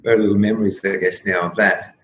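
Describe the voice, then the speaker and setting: A man in his fifties, a guest on an interview show, musing in a rambling, reflective way with frequent restarts and soft laughs. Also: lowish voice, fairly even intonation, fast. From Australia. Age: 50s. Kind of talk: casual interview talk. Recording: roomy echo with faint room noise.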